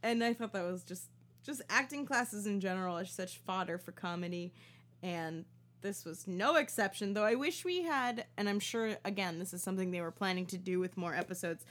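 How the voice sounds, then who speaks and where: Woman co-host, easy laugher, excitable joke-riffer, mid-pitched. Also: normal speed. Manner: laughs easily, excited, riffs on jokes. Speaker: podcast co-host. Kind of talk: casual chat.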